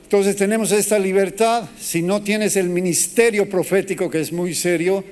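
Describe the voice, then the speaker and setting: Pastor guy preaching, smooth clear voice, kinda high, acts out little quotes. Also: normal speed. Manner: animated preaching with acted-out quotes. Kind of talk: sermon.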